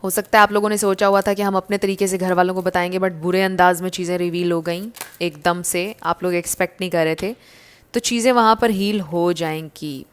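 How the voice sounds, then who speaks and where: A woman giving a casual tarot reading to her viewers, gentle and reassuring, slipping English phrases into her talk. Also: on the low side, steady tone, brisk, smooth. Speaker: tarot card reader.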